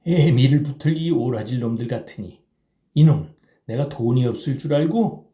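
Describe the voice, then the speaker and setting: A man voicing a drunk, boisterous middle-aged rickshaw puller who shouts and slurs in an audiobook reading. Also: medium pitch, a little slow, reverberant, pitched above the performer's own voice, close to an everyday voice. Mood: drunken rage. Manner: loud, slurring drunken shouting.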